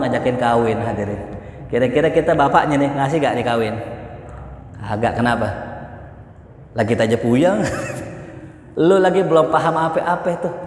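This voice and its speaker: A male preacher gives a humorous sermon to a live audience, joking and asking rhetorical questions. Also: mid-range voice. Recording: echoey hall, faint noise.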